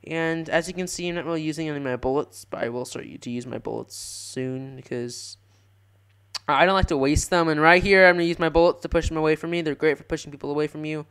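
Young guy rambling through a game commentary, kinda high smooth voice, trips over his words. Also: fast. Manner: rambling, self-correcting, excitable. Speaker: gaming channel host. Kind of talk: live gameplay commentary.

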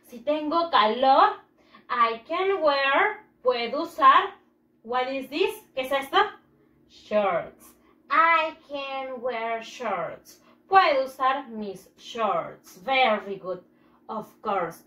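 Bilingual woman teacher, high and slow, drawn-out encouraging delivery, recorded from a distance in a roomy space. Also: pushed and bright. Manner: switches between English and Spanish, repeating each phrase. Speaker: English teacher. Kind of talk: bilingual classroom lesson video. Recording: echoey room, distant mic.

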